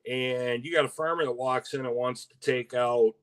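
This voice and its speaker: A man from Michigan co-hosting a casual live stream. He talks in a chatty, wry way and laughs easily, with a mid-pitched voice. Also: fairly even intonation, moderate pace, a bit bright, clean tone. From Michigan, USA. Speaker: co-host.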